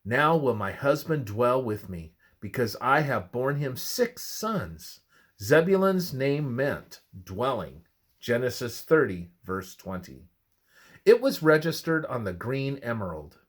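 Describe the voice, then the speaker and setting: Speaking at a medium pitch, this man delivers a prepared religious study full of scripture references, pacing it carefully with an expressive, orator's style.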